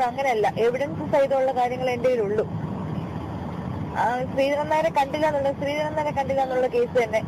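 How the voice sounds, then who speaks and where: A high-pitched woman caller insists and pleads in a tense, argumentative phone conversation, repeating phrases as she complains. The call is noisy, with vehicle sounds.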